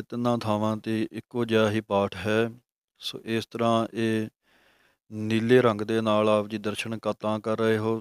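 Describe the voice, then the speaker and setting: A man leads a scripture lesson, drawing out each verse slowly before explaining it calmly. His voice is smooth and even, with little rise and fall, and the sound is dry and close. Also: on the low side, dry recording. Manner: slow, drawn-out recitation of verses between explanations; calm, measured teaching tone. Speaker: Sikh religious teacher.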